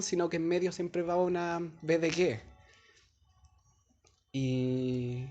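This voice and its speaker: A man's voice: on the high side, mellow, dull audio. Young Chilean man as a teaching assistant, loose and rambling, slang-heavy, captured on a phone in class. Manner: chatty and digressive, with casual slang. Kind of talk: informal classroom explanation. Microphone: phone held by a student.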